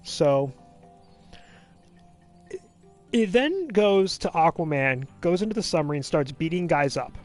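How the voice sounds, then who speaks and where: A man hosting a let's play, chatting casually and recapping a film in a rambling, animated way full of fillers. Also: a little high, unhurried, long pauses, faint music behind.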